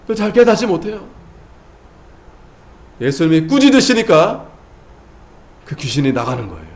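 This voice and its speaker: Emphatic pastor with a higher man's voice. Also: very animated, normal speed. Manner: emphatic, repeats key phrases; swings between loud exhortation and hushed asides. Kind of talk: sermon.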